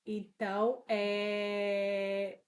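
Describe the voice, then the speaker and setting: A woman teaching an exam review lesson, slow and patient, repeating each rule and checking in with the listener. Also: medium pitch, monotone.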